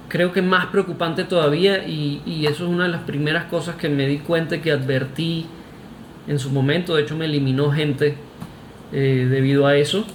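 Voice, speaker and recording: Talking to camera in a reverberant space with slight background noise, this Venezuelan man delivers an emphatic, argumentative opinion monologue. His voice sits on the high side, his accent is Venezuelan Spanish, and he's a vlogger who keeps restarting and dropping in "este."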